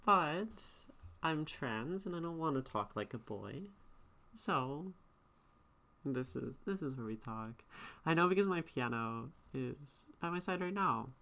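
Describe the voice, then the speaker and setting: In an extremely low, creaky voice with a slightly bright edge, a woman streamer who critiques poetry reads her chat and answers it. She talks casually and thoughtfully, wandering off track and often starting over.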